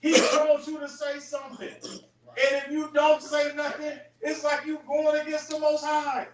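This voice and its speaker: A man with a high-pitched voice leads a group Bible study, explaining points in an emphatic, chatty manner and often checking that his listeners follow. He sounds some way from the mic, in a very echoey room. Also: monotone, normal speed, recorded from a distance.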